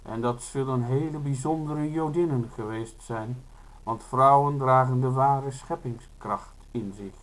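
A man reading his own first-person prose aloud, in a slow, measured and unhurried delivery. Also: mid-range voice, low-quality recording.

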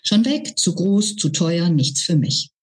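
A woman's voice: fairly low pitch, sing-song, slow pace. A woman reading a novel aloud and voicing a brash, cheeky young woman who talks bluntly. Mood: frank.

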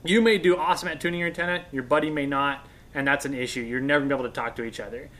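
Rapid-fire and fairly bright, this mid-range, steady voice belongs to an American guest in his thirties who teaches and knows radio. He gives an informal, conversational explanation while seated on a couch in a workshop room indoors.

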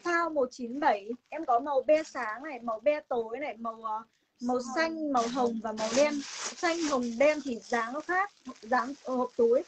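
Hosting an online clothing sale from a room piled with inventory, this young adult woman speaks at a moderate pace in a high, Northern Vietnamese-accented voice. Her pitch mixes relaxed chat to viewers with pushy repetition and emphatic promises. Noticeable noise sits behind her phone-recorded audio.

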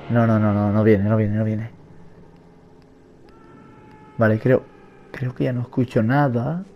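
A young man with a Spain Spanish accent, giving nervous, rambling, joking commentary while playing a horror game and shouting at its enemies. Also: mid-range voice, creaky, lo-fi sound, a little hiss or hum. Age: young adult. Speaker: let's play gamer.

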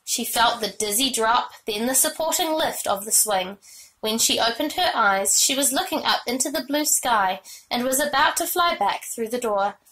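A woman reading a children's book aloud with expressive storytelling. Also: fairly high pitch, moderate pace, poor audio. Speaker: reader.

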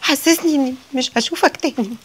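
An actress playing a pleading would-be actress. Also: female voice, high voice, lightly acted. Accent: Egyptian Arabic. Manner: pleading, rapid and breathless. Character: eager young woman desperate to act.

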